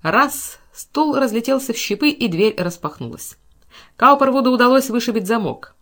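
A woman narrating a classic novel audiobook with a dramatic, expressive reading. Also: fairly high pitch, moderate pace.

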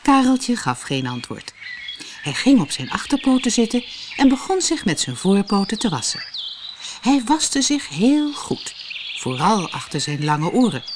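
A woman reading a children's storybook aloud in an expressive, sing-song way. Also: mid-range voice, noisy background. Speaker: audiobook reader. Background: music.

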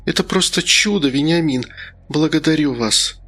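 A man's voice: a little high, normal speed, fairly bright tone, slightly rough. A man voicing a stern, dignified woman who runs the house, in an audiobook reading. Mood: gracious. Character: stern lady of the house, softened.

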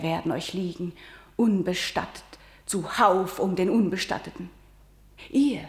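In a radio drama, an actress plays Antigone, a doomed young woman both defiant and grieving, declaiming verse that swings between loud cries and whispers. Her voice is mid-range, with roomy studio echo.

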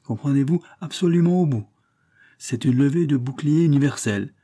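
A man's voice: a little high, normal speed, mellow, pitched above the performer's own voice, lightly acted. A man voicing an agitated young male painter, emphatic and raised. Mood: alarmed. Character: excited young male painter Claude, indignant.

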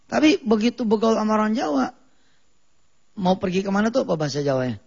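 Husky-voiced man preaching in a mosque. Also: high-pitched, very animated, fast talker, darkish tone. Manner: jokey, mimics regional accents. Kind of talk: lively mosque sermon for TV. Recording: dull muffled TV broadcast audio.

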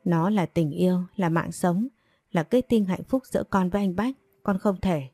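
A woman's voice: fairly low pitch, normal speed, dark tone, no room sound, soft background music. A woman voicing a young, pleading daughter. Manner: pleading, apologetic.

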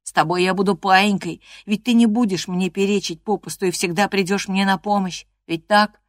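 A woman's voice: mid-range voice, steady tone, normal speed, no echo, clean studio sound, voice pushed up, close to an everyday voice. A woman reading an audiobook voices a sickly, spiteful teenage boy who whines and taunts. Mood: pleading. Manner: whiny and taunting.

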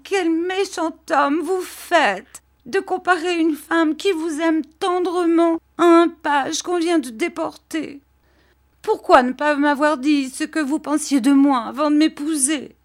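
Woman doing Dora, a childish tearful young wife. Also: warm tone. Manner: high sobbing whine. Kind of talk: audiobook reading.

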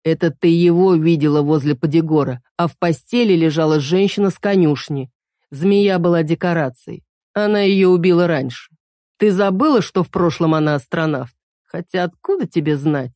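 A woman's voice: on the low side, moderate pace, dark tone, no room sound, studio quality, close to an everyday voice. A woman voicing a cold, cynical male conspirator who talks sternly and sarcastically. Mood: scornful.

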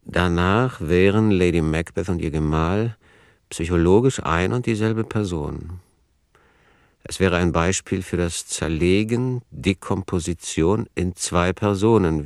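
In a radio play, a male author reasons aloud over his novel's plot as his working-notes voice, deliberating over the manuscript in scripted, essayistic commentary. His deep, darkish voice is sober and analytical, recorded in a dry, close acoustic.

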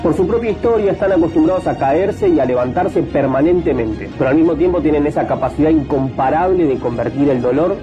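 A man reading a scripted in-flight cabin announcement as airline crew, formal, measured and persuasive. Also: a little high, expressive. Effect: in-flight cabin announcement over the plane's speaker. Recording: dull lo-fi recording with music behind.

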